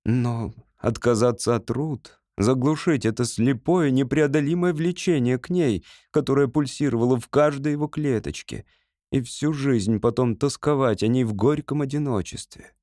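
A man narrating an audiobook story in a measured, even manner on a close microphone. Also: medium pitch, dry recording. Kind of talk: scripted narration.

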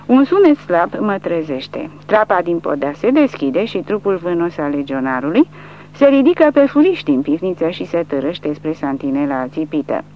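A woman's voice: on the low side, big pitch swings. A woman narrating a war novel as an audiobook, reading with dramatic emphasis. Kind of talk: scripted narration. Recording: dull lo-fi recording with faint hum.

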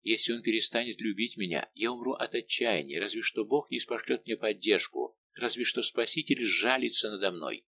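A man's voice: fairly low pitch, moderate pace, vocal fry, few pauses, bright, forceful tone, exaggerated voice. A man voicing a tearful young French noblewoman who pleads with emotion in an audiobook. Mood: pleading. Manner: emotional, imploring. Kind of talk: audiobook dialogue reading.

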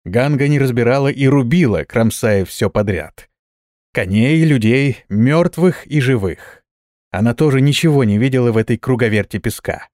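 A man's voice: medium pitch, moderate pace, darkish tone, no room sound, studio quality. A man narrating a fantasy story as an audiobook, telling it expressively.

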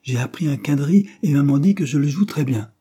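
Little girl, eager, proud, higher pitch, voiced by a male narrator. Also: expressive, brisk, warm tone, husky.

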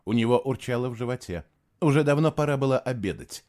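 A man narrating a fantasy audiobook with expressive storytelling. His mid-pitched voice moves a lot, rising and falling. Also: fast talker. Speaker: audiobook reader. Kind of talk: scripted narration.

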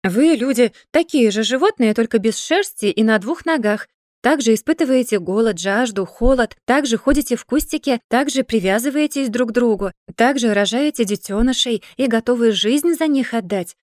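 A grumpy, sardonic old magical tomcat, as a woman reader puts him on, lecturing and grumbling. He sounds a little louder and pushier than the narration around him. The recording is dry and close. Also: fairly high pitch, lively intonation, normal speed, no echo, close to an everyday voice.

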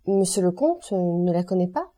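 A woman's voice: on the low side, sing-song, normal speed, dark tone. A woman reading the part of an eager, deferential male notary who speaks hesitantly, in an audiobook. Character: eager, obsequious small-town male notary.

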